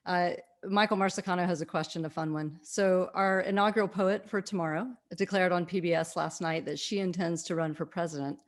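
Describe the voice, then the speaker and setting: A woman's voice: lowish voice, steady tone, a little fast, hardly any pauses. A woman hosting an online event, reading audience questions from the chat in a friendly manner. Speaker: event host and moderator. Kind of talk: moderating a live online Q&A. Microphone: video call.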